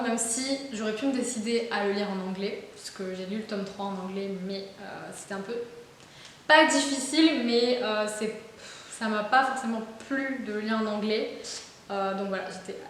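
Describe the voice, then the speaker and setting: This is a young woman's casual book haul chat, delivered in a mid-range, fairly bright voice. As a book vlogger she's enthusiastic and loose, full of fillers and restarts, and the very echoey room adds a faint hiss.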